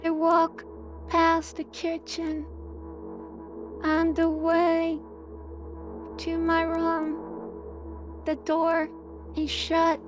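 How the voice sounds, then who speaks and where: Gamer girl voice with robotic auto-tune, super high and flat, slow, kinda muffled. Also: over music. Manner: sing-song robotic delivery. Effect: robotic auto-tune voice filter. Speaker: horror game streamer. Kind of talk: let's-play commentary and reading game text aloud.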